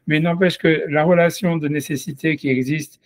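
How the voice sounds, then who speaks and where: A man's voice: on the high side, fairly even intonation, normal speed, no room sound. A man giving an informal Torah lesson, rambling with many fillers and restarts as he speaks to a listener directly. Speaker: rabbi teaching a class.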